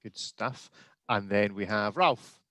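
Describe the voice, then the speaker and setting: Male host, live video call, brisk and jokey, dry close sound. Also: lowish voice, pushed and bright, dry recording. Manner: jokey, brisk, introduces guests one by one. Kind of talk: casual live video chat.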